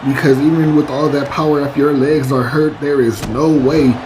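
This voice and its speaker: A man's voice: on the high side, steady tone, normal speed. A man giving play-by-play wrestling commentary over a video game, addressing listeners in announcer style with stock exclamations. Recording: clear background noise behind the voice.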